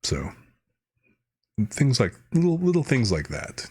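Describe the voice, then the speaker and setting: A man's voice: mid-range voice, huge pitch swings, measured pace, a little mellow, breathy edge, no echo, studio quality. A man from the United States, a streamer, chatting casually and telling rambling anecdotes. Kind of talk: casual chat.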